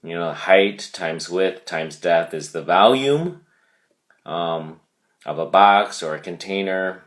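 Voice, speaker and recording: Male teacher for a vocabulary lesson, low-pitched and unhurried, spelling out each point. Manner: slow, deliberate, repeats words for emphasis.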